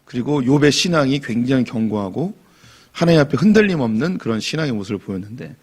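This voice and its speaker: A man's voice: mid-range voice, expressive, fast, a little mellow, breathy edge. A male pastor giving an expository sermon in a church, speaking conversationally and asking the congregation questions.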